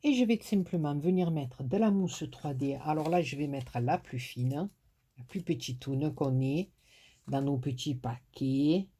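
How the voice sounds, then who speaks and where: A woman from the south of France talks slowly through a casual craft tutorial in a husky voice. She keeps up a running chatter with herself and laughs off her own slips as she works. Her tone is mellow and relaxed, with a southern French accent. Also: sits low. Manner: chatty, talks to herself and teases herself while working.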